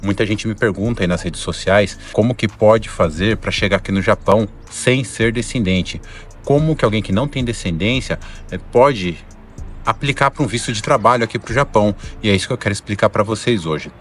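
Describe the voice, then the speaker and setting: A man's voice: fairly low pitch, brisk, soft background music. A man with a Brazilian Portuguese accent, hungover and worn-out, talking casually as he hosts an explanatory vlog. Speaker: video channel host.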